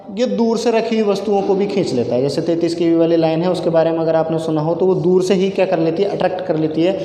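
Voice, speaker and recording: A man's voice: sits high, warm tone. A male physics teacher giving a classroom lecture, asking questions and answering them himself. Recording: echoey classroom with long reverb.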